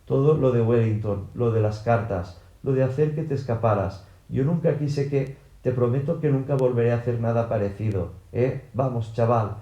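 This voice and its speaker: A man voicing an angry middle-aged father who yells in a raised, strained voice, in a roomy-sounding recording. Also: medium pitch, normal speed, few pauses, muffled recording, close to an everyday voice. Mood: tearful pleading. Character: furious shouting father, middle-aged man, then tearful. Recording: roomy echo.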